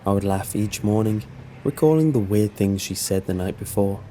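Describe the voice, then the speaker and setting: A man narrating a scripted first-person story in a measured, serious way. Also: fairly low pitch, lively intonation, dark tone, slight background noise.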